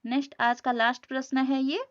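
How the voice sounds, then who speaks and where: A woman with an Odia accent teaching a grammar lesson, slowly working through exercises, repeating each answer and checking whether her students follow. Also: high voice, level tone, smooth, no room sound, muffled recording.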